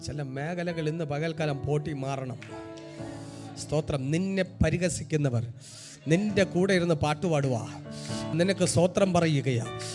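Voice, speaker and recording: A man with a Malayali accent, a pastor preaching a Pentecostal sermon that swings from hushed storytelling to shouted exhortation, peppered with amens and hallelujahs. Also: on the high side, unhurried, over music. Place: church sanctuary.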